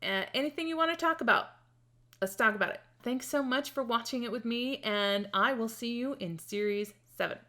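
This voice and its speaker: A woman's voice: on the high side, a little fast, bright, forceful tone. A woman hosting a casual video review, chatty and rambling, restarting sentences and laughing as she talks. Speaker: series reaction host.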